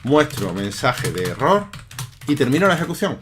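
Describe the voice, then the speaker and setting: A man's voice: medium pitch, big pitch swings, moderate pace, fairly bright tone, a little hiss or hum. A man giving a recorded programming lesson over his screen, talking conversationally and often checking in with his listeners. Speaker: teacher.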